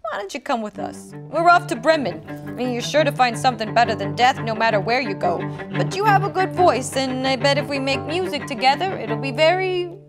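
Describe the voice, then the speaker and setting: A woman's voice: high-pitched, lively intonation, fairly quick, music in the background, voice pushed up. A woman voicing a chatty, friendly male donkey in a read-aloud fairy tale. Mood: upbeat. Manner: bright, upbeat and inviting.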